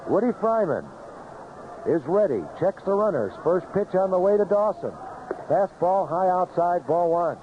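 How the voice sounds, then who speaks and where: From a broadcast booth at an outdoor ballpark, a man with a voice on the high side gives live play-by-play of a baseball game for vintage radio. The recording is muffled and the background is noisy.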